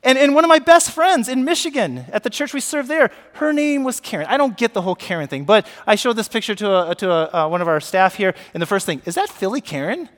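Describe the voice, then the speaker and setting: A man preaching a sermon as pastor, animated and often asking his congregation questions. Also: sits high, fast talker, few pauses, big-room sound. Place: church sanctuary.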